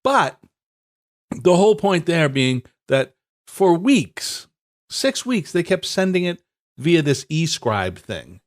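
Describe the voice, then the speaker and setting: Slightly high and slow, his voice swings widely in pitch. He co-hosts a casual podcast with a stuffy nose, trading profane, meandering banter full of stammered restarts and laughter.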